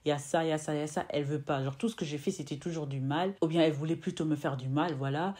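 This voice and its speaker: A woman's voice: deep voice, racing. A woman in her twenties telling a personal story to camera in a casual storytime, acting out the exchanges she recounts and often restarting or repeating phrases. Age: 20s. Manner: animated, acts out quoted exchanges. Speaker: vlogger.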